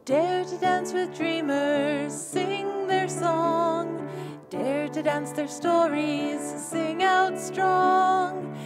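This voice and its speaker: A young woman singing a slow hymn in a church while playing the piano. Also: extremely high pitch, fairly even intonation. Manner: slow, sustained sung phrases. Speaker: church musician. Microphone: stand mic. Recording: piano accompaniment behind.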